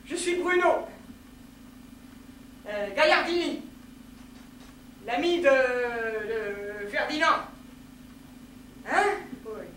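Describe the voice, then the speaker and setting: An eager, clumsy young man from the south, as an actor plays him, chatty and a bit nervous, swearing without a second thought. His voice is bright and sharp. It is caught from far off on an echoey live stage. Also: very high voice, expressive, very slow, long pauses, slight background noise, full character voice. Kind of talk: one-man stage show.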